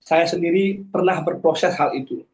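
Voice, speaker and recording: A man's voice: fairly high pitch, normal speed. A man, a guest giving earnest, preachy personal testimony with frequent hesitations. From Karangasem, Bali. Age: 40s. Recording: dull lo-fi sound.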